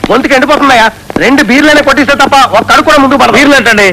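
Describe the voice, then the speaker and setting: A high-voiced wisecracker. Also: male voice, low-quality recording. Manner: quick, joking retorts. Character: wisecracking, joking man. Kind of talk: film comedy dialogue.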